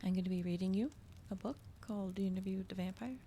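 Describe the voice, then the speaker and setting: A woman hosts a live reading as an ASMR streamer, chatting casually and a bit hesitantly with viewers in a soft, gentle, mid-range voice that often drifts into a whisper. She talks fast with a steady tone. A regular, non-ASMR microphone picks up audible background noise from a crackling fireplace.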